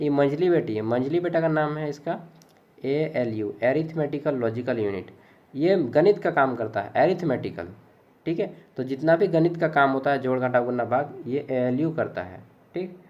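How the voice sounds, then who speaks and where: A man teaching exam questions in a casual, joking lecture style, often repeating fillers like "ठीक है". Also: on the high side. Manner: chatty, jokey, repeats "ठीक है". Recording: dull lo-fi recording.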